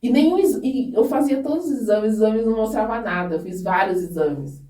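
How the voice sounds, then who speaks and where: A woman's voice: on the high side, a little fast, dark tone, far from the mic. A woman guest on a podcast telling her own story in an earnest, candid way, often restarting her sentences. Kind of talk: personal storytelling in a podcast interview. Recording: echoey room, voice off-mic.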